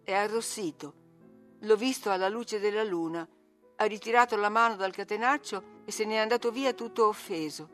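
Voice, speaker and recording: A woman with a mid-range voice reads a classic novel as an audiobook, measured and expressive. Faint music plays behind her.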